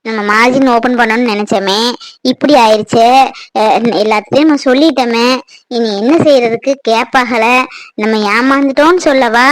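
A woman's voice: fairly high pitch, no echo. A woman acting a wife in a family drama, talking at length in an earnest, reassuring way.

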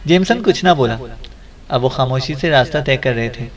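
A man reading a spy adventure novel aloud at a steady, even pace. His voice sits in a middle pitch, and he narrates in a measured storytelling style. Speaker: audiobook narrator.

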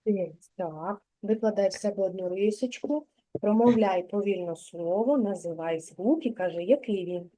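A woman's voice: medium pitch, normal speed, dark tone, rough recording. A woman kindergarten teacher giving a literacy lesson to a child, coaching him patiently and sounding out syllables one by one in a classroom.

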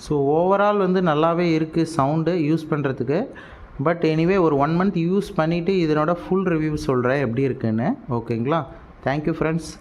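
A product reviewer runs through an unboxing vlog in a casual way, his Tamil Nadu accent coming through as he slips in English words. His voice sits a bit high at a moderate pace, and the muffled track carries a steady, noticeable noise underneath.

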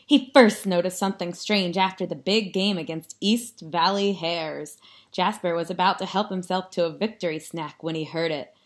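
A woman reading a picture book aloud, telling it dramatically with hushed, spooky drops. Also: on the low side, normal speed. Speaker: story reader.

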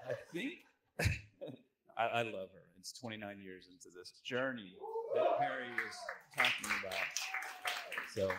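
A middle-aged man speaking wryly and gently about his long marriage at a church event. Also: medium pitch, slight background noise, low-quality recording. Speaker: congregant husband.

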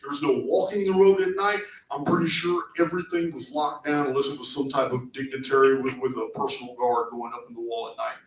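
A middle-aged man giving a casual talk to a small meetup in a meeting room, animated and restarting his phrases often. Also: mid-range voice, brisk, hardly any pauses. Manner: animated, repeats words, many restarts. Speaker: presenter at a meetup. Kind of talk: casual lecture to a small audience. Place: meeting room with projector screen. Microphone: far camera at back of room. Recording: echoey room from far off.

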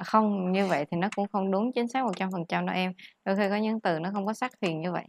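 Woman english teacher, patient, mixes english words into her talk, soft clicking in the background. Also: mid-range voice, a little fast, gravelly, a little hiss or hum. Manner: patient, explains in Vietnamese with English words mixed in. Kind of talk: tutoring lesson on word stress.

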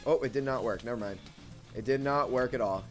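A young man commentating on his gameplay as a hyped gamer bro, excitable and slangy, often repeating short phrases. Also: mid-range voice, a little fast, soft background music. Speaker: gaming video host.

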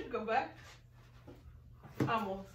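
A young woman in casual, playful banter, giggly and prone to loud exclamations, recorded at home on a camera a few metres away. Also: on the high side, huge pitch swings, very slow. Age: young adult. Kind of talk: casual playful banter during a challenge video. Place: home room, indoors. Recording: roomy, far from mic, faint noise and clicks.

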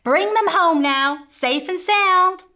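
A patient, kindly cowboy sheriff calls out in a loud, high drawl, as a woman reads him aloud. He is a storybook father figure, bright and forceful in tone. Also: lively intonation, slow pace, full character voice. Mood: fond.

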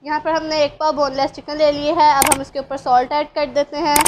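A woman with a Pakistani Urdu accent hosting a cooking channel, narrating a recipe step by step in a calm, instructive way and addressing viewers directly. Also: high voice, fairly quick, noisy background. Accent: Urdu-speaking Pakistani. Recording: dull lo-fi sound, faint room ambience.

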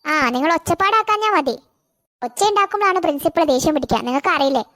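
Performer as gentle cartoon teacher, high voice, dry close sound. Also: lively intonation, fast, no echo, heavily acted. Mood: instructing. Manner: gentle, instructing. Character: kind female schoolteacher. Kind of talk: cartoon voice acting.

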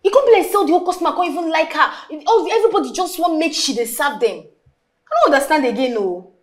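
Animated, high-voiced Nigerian woman, scornful. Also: quick pace, soft background music. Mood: resentful. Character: jealous, scornful gossiping waitress. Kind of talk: film drama dialogue in Pidgin.

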